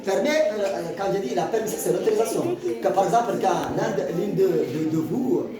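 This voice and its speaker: A man's voice: high-pitched, expressive, moderate pace. A teacher explains grammar to a class, repeating and restarting his words often as he gives examples. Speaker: French teacher. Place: school classroom. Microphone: far from the mic. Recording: echoey classroom, far mic, student noise.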